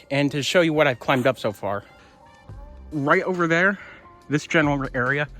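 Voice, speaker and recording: A man's voice: on the high side, fairly bright tone. A young man talking to his camera on a woodland hike, chatty and rambling, out of breath as he climbs. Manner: chatty, self-narrating and a bit rambling. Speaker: vlogger. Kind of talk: hiking vlog to camera. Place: wooded trail outdoors, windy.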